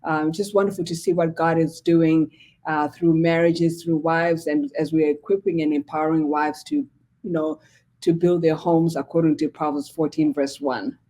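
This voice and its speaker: A woman's voice: low-pitched, flat delivery, moderate pace. Woman from Zimbabwe, storytelling pastor. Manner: warm storytelling with frequent fillers. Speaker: pastor and guest. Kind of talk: casual interview talk.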